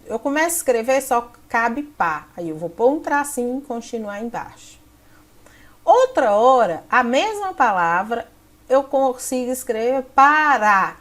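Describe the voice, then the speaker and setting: A woman teacher from Brazil with a slightly high voice walks young pupils through a workbook. She explains each task patiently, step by step, pointing things out on the page as she goes. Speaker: primary school teacher. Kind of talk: explaining textbook activities to children.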